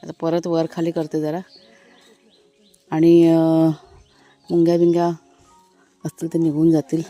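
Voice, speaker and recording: A woman from Maharashtra in casual vlog narration, chatty and explanatory as she speaks to viewers from an outdoor garden, now and then calling loudly to her dogs. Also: deep voice, monotone, unhurried, dry recording, soft background music. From Maharashtra, India. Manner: calls out loudly to her dogs between remarks. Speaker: family vlogger.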